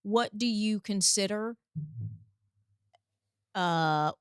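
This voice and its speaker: A woman's voice: medium pitch, very slow, clear, resonant tone, no echo, clean studio sound. A woman from Texas, a singer-songwriter, chatting as a guest on a podcast, talkative and laughing easily as she wanders off on tangents. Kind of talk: casual interview chat.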